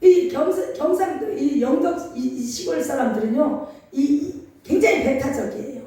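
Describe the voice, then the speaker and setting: Middle-aged woman pastor with a Chungcheong Korean accent, high voice, lively emphatic sermon, heard from a distance. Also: moderate pace. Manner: lively, emphatic preaching with call-and-response. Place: church sanctuary. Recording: echoey church hall from far off.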